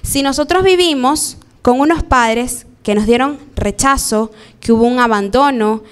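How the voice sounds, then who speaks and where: Venezuelan lady preaching in church, high pitched, animated, does little voices for the people she quotes. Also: a little slow, clear, resonant tone. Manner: lively, acts out quoted voices. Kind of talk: live sermon.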